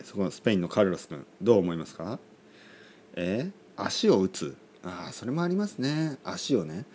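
Playful, lively-voiced male podcast host. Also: lowish voice. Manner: playful and jokey, speaks slowly and clearly to learners. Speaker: podcast host teaching Japanese learners. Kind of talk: casual solo podcast talk.

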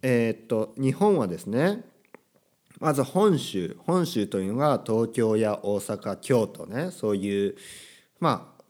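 On the low side and a little mellow, the voice belongs to a man from Kyushu, Japan, who hosts a casual solo podcast for language learners in a standard accent. His manner is chatty and self-deprecating, with frequent filler asides and rhetorical questions to the listener.

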